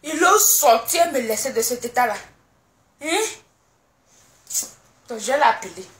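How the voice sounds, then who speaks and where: A young woman playing a moody, demanding pregnant wife in a comedy sketch, scolding with rapid-fire questions. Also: sits high, lively intonation. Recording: echoey room.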